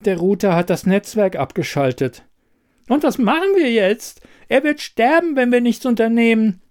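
A man's voice: sits high, animated, normal speed, a little mellow, pitched above the performer's own voice. A man voicing an anxious male smart fridge in an audiobook, fretful and worried. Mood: alarmed. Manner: fretful, increasingly panicked. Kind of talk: audiobook reading.

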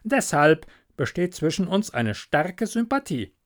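A man's voice: sits high, big pitch swings, measured pace, pitched above the performer's own voice. A man voicing a conceited, know-it-all male water rat in a storybook reading, speaking in a snooty, lecturing way.

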